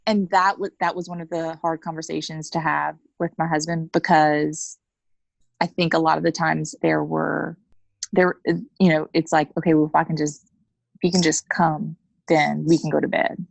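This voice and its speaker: With a deep, flat voice full of vocal fry, a thirtysomething woman speaks frankly at a moderate pace as a coaching client guesting in a candid conversational interview, dramatizing small snatches of dialogue. The recording is dry.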